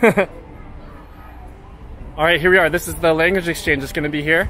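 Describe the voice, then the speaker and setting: A Canadian man in his thirties vlogs casually as he walks through city streets and bars at night, sounding easygoing and upbeat. His voice is fairly high, steady, bright and pushed, at a moderate pace, and his chatty narration is full of fillers. The audio comes from a handheld camera held at arm's length, so handling sound is audible.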